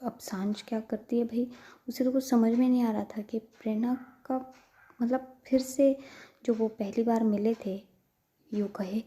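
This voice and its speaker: Dark-voiced woman telling a love story. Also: a little high, fairly even intonation, unhurried. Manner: chatty, with frequent filler phrases and self-corrections. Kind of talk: casual spoken story narration.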